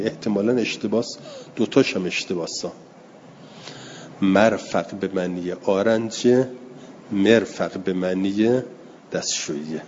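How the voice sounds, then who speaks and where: A man with a low, mellow voice teaches a class on a religious text, reading each passage slowly and then explaining it in plain terms. He pauses to answer students' questions. The recording is dull and lo-fi, with a long hall reverb behind him. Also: slight background noise.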